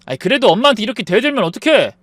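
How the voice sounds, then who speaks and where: Brief: woman voicing spineless husband siding with his mother, pleading tone, lively pitch, dry. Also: racing, dry recording. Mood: placating. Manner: pleading, exasperated. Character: weak-willed young husband, placating his mother.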